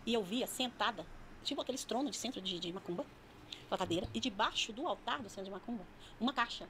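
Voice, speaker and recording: A woman's voice: medium pitch, animated, fast talker, a bit bright, slight background noise. A woman telling her personal testimony in a vivid, emphatic way. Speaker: guest giving a testimony.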